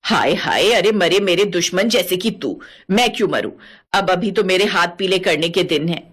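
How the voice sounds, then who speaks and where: A woman voicing a bossy, sharp-tongued widowed mother-in-law in her sixties, in a cartoon. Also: fairly low pitch, expressive, moderate pace, slightly rough, voice pushed down. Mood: scolding. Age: 60s (figure). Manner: scolding, mocking. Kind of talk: cartoon voice acting.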